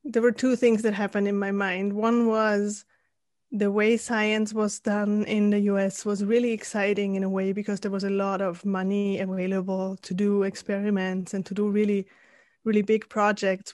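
A woman from Austria, a guest coach, telling her story in a thoughtful interview with frequent pauses and restarts. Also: mid-range voice, level tone, a little mellow, no echo, clean studio sound. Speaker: guest, life and leadership coach. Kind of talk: casual interview conversation.

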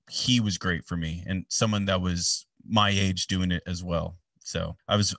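A man in his thirties, a sports announcer, telling his story in a casual interview with animated, chatty delivery full of fillers. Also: sits low, no echo, far from the mic.

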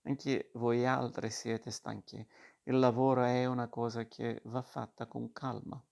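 A teasing bearded painter in a storybook, read by a man. The voice is gravelly and low-key, with almost no rise and fall, spoken quietly and slowly. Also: little pitch movement. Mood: dry teasing.

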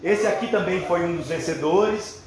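A workshop leader with a Brazilian accent speaks to a class of schoolchildren like a kindergarten teacher, encouraging them with simple instructions and checking questions. His voice is a little high, at a moderate pace. The roomy indoor classroom sounds echoey, with faint background noise.

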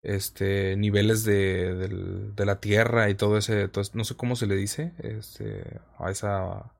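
A man's voice: on the low side, level tone, measured pace, vocal fry. A man with a Mexican accent hosting a podcast in a casual, conversational way. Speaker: podcast host.

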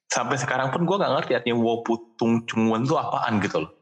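A man's voice: medium pitch, fast, a little hiss or hum. A man from Indonesia with a Jakarta accent, explaining himself in casual slangy chat mixed with English. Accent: Indonesian, Jakarta colloquial.

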